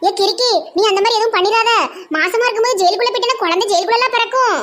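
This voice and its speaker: A very high, bright female voice with a Tirunelveli Tamil accent. She acts in a village comedy skit, dramatic and quick to scold. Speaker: comedy sketch actor.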